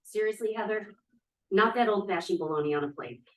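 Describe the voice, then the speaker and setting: At a play table read, a woman voices a defiant, free-spirited twenty-two-year-old drama student, arguing with emphatic theatricality. Her mid-range voice is brisk and natural, picked up by a distant mic in a roomy, echoey space.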